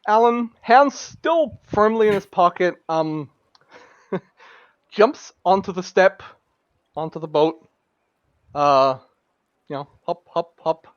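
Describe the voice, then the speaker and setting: Slow, animated male game master. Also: high voice, no room sound. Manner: rambling, hesitant, full of fillers. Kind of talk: narrating a tabletop game. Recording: dull lo-fi dry mic.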